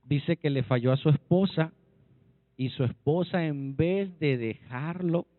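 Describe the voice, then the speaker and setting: A man with a Mexican accent preaches a sermon, emphatic and often checking in with the congregation. His voice sits a little high and swings between forceful lines and soft, dropped phrases. The recording is dry and thin, with a narrow phone-like sound. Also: unhurried, no room sound. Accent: Mexican Spanish. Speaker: pastor.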